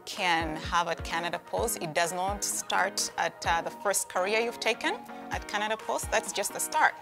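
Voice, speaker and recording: A woman's voice: mid-range voice, normal speed. A woman speaking enthusiastically about her employer in a studio interview testimonial. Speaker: employee in a recruitment video. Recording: background music.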